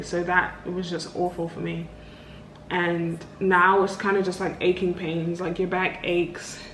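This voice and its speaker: A woman's voice: lowish voice, roomy sound, a little hiss or hum, low-quality recording. A young woman answering viewer questions in a casual sit-down vlog, candid and chatty, swearing freely. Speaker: vlogger.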